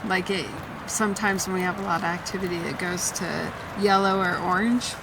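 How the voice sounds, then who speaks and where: A woman's voice: fairly low pitch, fairly even intonation, fairly quick. A woman chatting casually and reacting to equipment during an outdoor paranormal investigation. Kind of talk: casual chat, reacting to devices. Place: outdoors in a forest at night. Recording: clearly noisy outdoor ambience.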